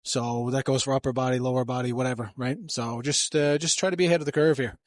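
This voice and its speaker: A man's voice: medium pitch, fairly even intonation, fast talker, no room sound, studio quality. A man talking through his workout in a gym, coaching and rambling casually into a handheld mic, breathing hard between sets. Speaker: fitness vlogger. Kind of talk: casual gym vlog narration.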